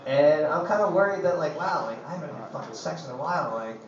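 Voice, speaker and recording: A young stand-up comedian in a coffee shop does a crude, profane set, rambling fast with lots of "like, you know" in a slightly high voice. The distant camera recording sounds echoey and dull, with a little hiss or hum.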